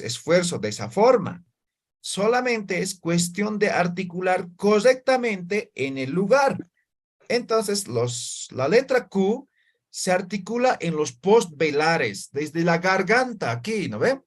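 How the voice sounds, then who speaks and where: A man with a high-sitting voice teaches an online language class. He explains things patiently, demonstrates sounds slowly, and checks in with his students often.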